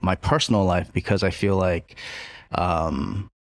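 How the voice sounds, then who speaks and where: Deep dude, dry close mic, chef chatting on a podcast, lots of ums and restarts. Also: male voice, fairly even intonation, gravelly, dry recording. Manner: halting, reflective, many fillers and restarts. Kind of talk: casual podcast conversation.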